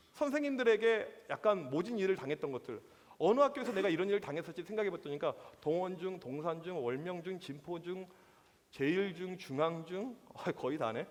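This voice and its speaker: Man, youth pastor sermon, high lively voice, long echo in the church hall. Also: a little fast. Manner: emphatic, animated preaching with acted-out quotes.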